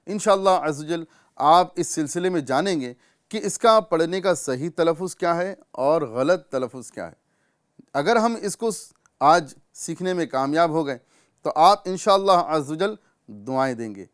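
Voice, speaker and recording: A man with a Pakistani Urdu accent teaching correct recitation, explaining patiently and drawing out individual sounds slowly as examples. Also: a little high, lively intonation, smooth. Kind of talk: tajweed lesson with recitation examples.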